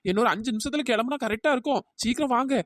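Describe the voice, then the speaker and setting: A woman voicing a brisk village woman in a cartoon story who urges the others to leave quickly. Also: fairly high pitch, no room sound, studio quality, natural voice. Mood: urgent. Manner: hurried, urging.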